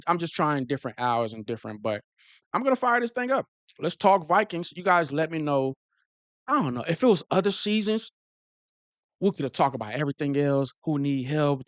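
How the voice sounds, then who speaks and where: A man hosting a casual live stream, talking fast and excitedly, repeating himself and using slang. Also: sits high, no room sound. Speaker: football streamer host.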